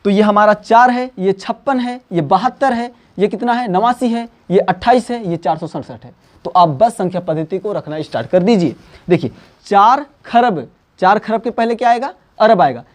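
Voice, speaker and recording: A man teaching math, coaxing students and repeating number names slowly. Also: sits high, expressive, darkish tone. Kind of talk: classroom lesson.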